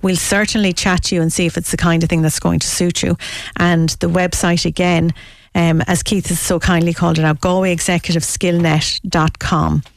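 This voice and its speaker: A woman's voice: fairly low pitch, level tone, normal speed, vocal fry, no room sound. A woman with a west of Ireland accent giving a promotional radio interview as a guest, emphatic and fond of repeating phrases for effect. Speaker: interview guest, business network representative.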